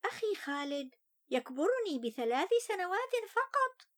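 Woman acting a high-voiced, sulky little boy. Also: big pitch swings, moderate pace, fairly bright tone, exaggerated voice. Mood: plaintive. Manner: plaintive, complaining. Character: sulky young boy who feels unloved, storybook narrator. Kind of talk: children's story acting.

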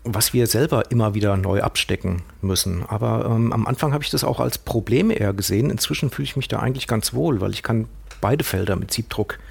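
A man's voice: on the low side, a little fast, creaky, hardly any pauses, breathy edge. A man in his forties in a casual interview, talking at length about his career with many fillers and restarts. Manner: rambling, many fillers and restarts, acts out quotes. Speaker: guest, screen printer and designer.

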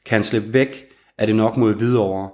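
Brief: male audiobook narrator, somewhat low pitch, measured thriller delivery. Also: steady tone, a little mellow.

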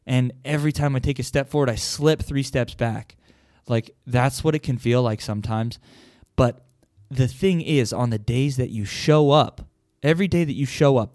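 A man's voice: medium pitch, a little mellow, no echo, studio quality. A man hosting a solo podcast, talking bluntly and casually with plenty of swearing. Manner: blunt, profane, conversational, with frequent "like". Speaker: podcast host.

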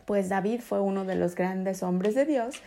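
A woman with a soft-edged, mellow voice at a middle pitch talks like a kids show host. She tells stories to children, explains things simply and puts questions straight to her young listeners. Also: a little slow, vocal fry, a little hiss or hum. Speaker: children's Bible podcast host.

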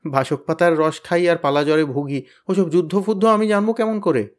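A man's voice: a little high, voice pushed up, natural voice. A man voicing a timid, sickly teenage boy who speaks meekly and in a hurry. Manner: meek, hurried.

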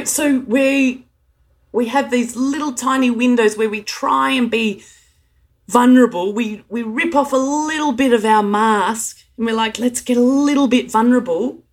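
An adult woman in a heartfelt monologue, earnest and emotional, often stopping and restarting her sentences. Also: on the high side. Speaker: speaker sharing her experience of anxiety. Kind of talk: heartfelt direct-to-camera monologue.

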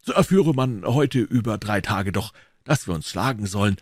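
A man's voice: fairly low pitch, expressive, normal speed, breathy edge, no echo, clean studio sound, pitched above the performer's own voice. A man reading aloud, voicing a gracious, noble male musketeer with a dignified manner.

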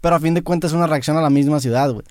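A man's voice: on the high side, rapid-fire, darkish tone, no echo, studio quality. A young man with a Monterrey accent, co-hosting a casual podcast chat, reflective and rambling, saying "güey" a lot. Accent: Monterrey Spanish. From Monterrey, Mexico. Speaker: podcast co-host.

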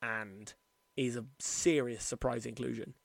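A creaky-voiced man recorded close and dry, talking through an informal sports podcast. His articulation is slightly affected by the retainers he is wearing, and he offers opinions in a conversational way, often adding "you know". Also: medium pitch, steady tone, a little slow, no echo. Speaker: podcast host.

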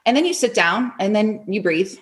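A woman's voice: mid-range voice, lively intonation, normal speed. A woman who is a coach and author, a guest on a podcast interview, talking energetically and acting out her own inner voice with emphatic bursts.

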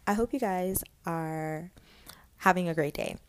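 A young woman from Guyana with a light Guyanese accent hosts a casual podcast, telling her own story in a chatty, candid way with many fillers and frequent laughter. Her voice is lowish and unhurried, with slight background noise.

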